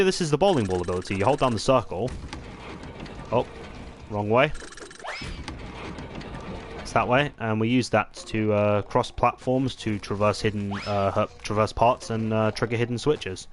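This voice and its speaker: A man chatting casually as he commentates his gameplay, rambling with many pauses and restarts. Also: fairly low pitch. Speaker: gaming channel host. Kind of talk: let's-play gameplay commentary.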